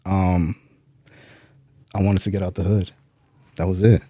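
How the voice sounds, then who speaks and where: A New York man guests on a podcast, recounting his life story bluntly and streetwise, with plenty of swearing. His voice sits low and mellow, delivered flat at a measured pace. He acts out past conversations in a raised voice during this candid interview storytelling.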